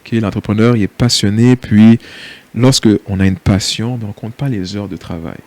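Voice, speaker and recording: In a relaxed interview, a nonprofit CEO from Quebec talks as a guest in Québécois French-accented speech, hesitant, filler-heavy and quick to laugh. His pitch is fairly low and his tone darkish, with a moderate pace and a dry recording.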